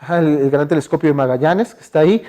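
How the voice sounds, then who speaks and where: A man with a Mexican Spanish accent gives a relaxed public science talk in a university lecture hall. His voice sits a little high, and he talks in a chatty way, tossing questions to the audience and filling pauses with "eh" and "ajá". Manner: chatty, asks the audience questions, many fillers. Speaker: guest speaker.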